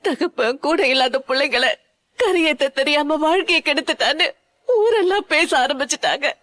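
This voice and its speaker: A woman's voice: high voice, lively intonation, moderate pace, fairly bright tone. A woman dubbing a distraught middle-aged mother in a TV serial, who pleads through tears and wails over her daughter. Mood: tearful. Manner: tearful, pleading, wailing. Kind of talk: dubbed TV serial acting.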